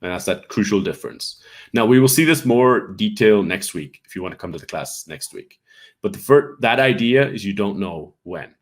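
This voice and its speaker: A man with a light Irish accent teaches an English lesson, explaining slowly and patiently. His voice sits a little low for a man. He keeps checking in with his students as he goes. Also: animated. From Ireland. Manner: patient, repeats with frequent "right?" checks.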